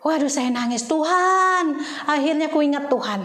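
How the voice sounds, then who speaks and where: Perempuan bersuara tinggi, bercerita penuh semangat. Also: female voice, fairly high pitch, moderate pace. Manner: animated, dramatic storytelling with cried-out prayers. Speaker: Sunday school teacher. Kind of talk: testimony storytelling to children. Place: home, online class. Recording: roomy echo.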